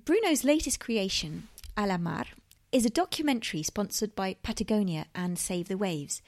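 A woman with a mid-range, darkish voice hosts a podcast, first reading a prepared introduction steadily. She then interviews a guest, offering short encouraging replies and fillers.

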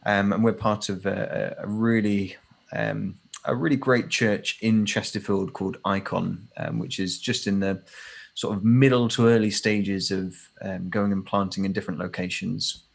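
An Englishman in his thirties appears as a podcast guest, talking casually and thoughtfully with plenty of fillers and restarts. His voice is lowish and steady, with vocal fry, at a moderate pace.

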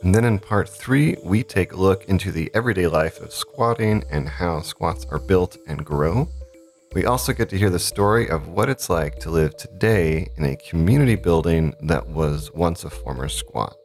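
A man from the United States co-hosts a casual podcast chat in an easy, conversational way. His voice sits very low, and soft music plays faintly underneath. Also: animated, normal speed. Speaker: podcast co-host.

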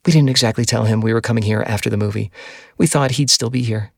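A man voicing a blunt, curious teenage girl in an audiobook, lifting his voice for her quick questions. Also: medium pitch, creaky, dry recording, clean studio sound. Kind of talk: audiobook character voice.

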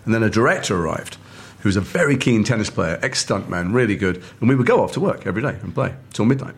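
A middle-aged man from England, an actor telling lively anecdotes over lunch and acting out the other people's lines. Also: fairly low pitch, quick pace. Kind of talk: casual chat, animated anecdote. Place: restaurant table.

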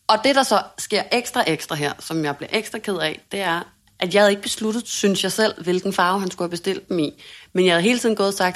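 A woman co-hosting a podcast, telling a story in a lively, self-mocking way and acting out what people said. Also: mid-range voice. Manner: animated, self-mocking storytelling with quoted dialogue. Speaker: podcast co-host. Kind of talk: casual storytelling chat.

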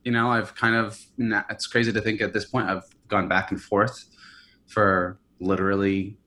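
Here's a man in his early thirties with a fairly low pitch and moderate pace. The founder of a company, from California and Hawaii, he answers interview questions casually and hesitantly, with many fillers and restarts.

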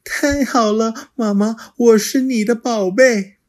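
A woman voicing a young male dinosaur child who is scared and stubborn, in a high, pleading, childish voice for a storybook reading. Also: takes it slowly, darkish tone. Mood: tearful.

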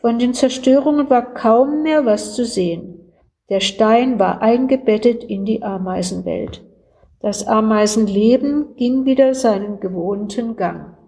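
A woman calmly reading a devotional Christmas story aloud, slow and gentle. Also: on the high side.

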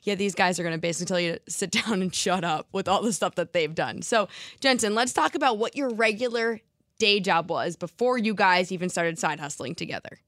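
A woman hosting a casual interview, lively and quick to react. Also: lowish voice, no echo, studio quality. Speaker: host.

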